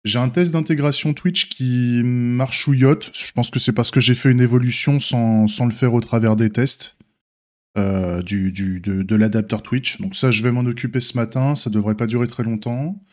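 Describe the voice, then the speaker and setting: A man's voice: mid-range voice, steady tone, normal speed, a little mellow. A man with a slight lisp and slushy s sounds, giving a casual unscripted stream update in an informal, hesitant, thinking-aloud way. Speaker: streamer and software developer.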